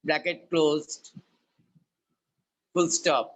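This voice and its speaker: A man's voice: fairly high pitch, steady tone, very slow. A male teacher with a Bengali accent dictating to a class word by word, repeating and spelling things out.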